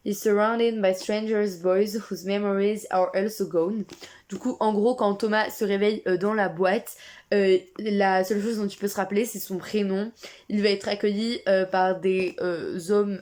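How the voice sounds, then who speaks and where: A woman's voice: medium pitch, a little mellow. A young woman from France talks through a book haul for her vlog. She chats loosely and keeps restarting her sentences with fillers along the way. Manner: chatty, many fillers and restarts. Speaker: book vlogger.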